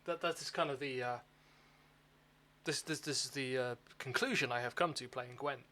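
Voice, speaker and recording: A man's voice: mid-range voice, normal speed, pushed and bright. A man hosting a casual game livestream, chatting with viewers in an exclamatory way. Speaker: livestream gamer and host. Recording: clearly noisy livestream microphone. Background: game sounds and background noise.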